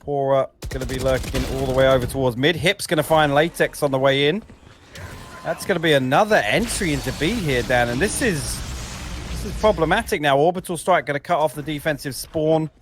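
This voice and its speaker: A man's voice: a little high, brisk, a little hiss or hum. Essex man casting an esports game. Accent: Essex English. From Essex, England. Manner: conversational, self-correcting. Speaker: esports commentator. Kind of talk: analytical commentary.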